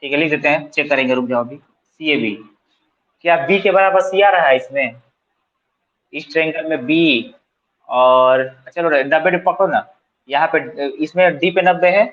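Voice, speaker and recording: A man's voice: fairly high pitch, moderate pace, dull audio. A man tutoring math in colloquial Hindi with a Bihari accent, asking his students questions and answering them himself as he works through the steps. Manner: colloquial, mixes English math terms into Hindi. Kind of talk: classroom math lesson, working through steps aloud. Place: coaching centre classroom.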